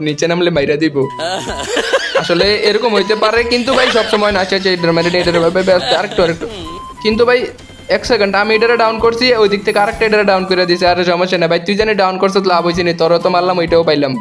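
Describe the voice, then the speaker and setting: A young man with a Comilla Bengali accent races through his gameplay commentary with a high, bright voice and barely pauses for breath. He jokes and teases the players he meets. Game music plays loudly behind him. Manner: excitable, joking, taunts opponents. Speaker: gaming YouTuber.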